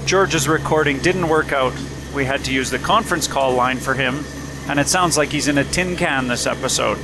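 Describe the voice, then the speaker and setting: A man's voice: mid-range voice, moderate pace, background noise. A man hosting a podcast in a casual way, his voice tinny and metallic through a cheap headset. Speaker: podcast host. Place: on an airplane. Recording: tinny, crappy headset aboard airplane.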